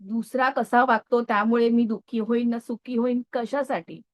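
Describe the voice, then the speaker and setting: A woman in her thirties giving a lively, chatty motivational talk to a live audience, often checking in with her listeners. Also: on the high side, normal speed. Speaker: motivational speaker.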